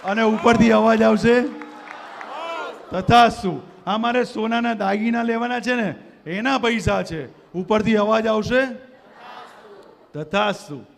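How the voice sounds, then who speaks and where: A man's voice: high-pitched, steady tone, moderate pace, gravelly. A man giving a motivational stage talk at a community gathering, rousing the crowd and leading them in call-and-response. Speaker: motivational speaker. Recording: long hall reverb.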